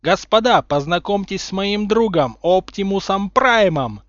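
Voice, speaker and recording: A man's voice: on the high side, lively intonation, normal speed, dry recording, muffled recording, natural voice. Harry Potter, a man playing him as a sarcastic teen wizard. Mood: cocky, mocking. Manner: sarcastic, flippant. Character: cheeky mocking teenage boy wizard.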